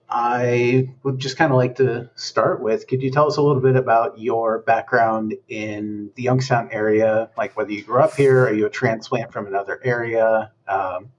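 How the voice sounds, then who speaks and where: A man's voice: mid-range voice, dull audio. A man hosting a casual podcast, asking questions in an easygoing way with fillers. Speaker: podcast host. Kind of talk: casual interview chat.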